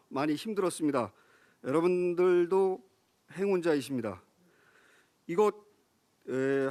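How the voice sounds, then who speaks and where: A man in his fifties formally introducing a lecture as the event host. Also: high voice. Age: 50s. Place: lecture venue with seated audience.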